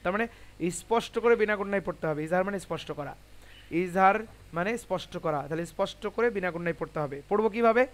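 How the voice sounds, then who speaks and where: A man teaching Quran recitation in an online class, spelling out syllables slowly and asking students questions. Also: high voice. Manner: patient, asks students questions.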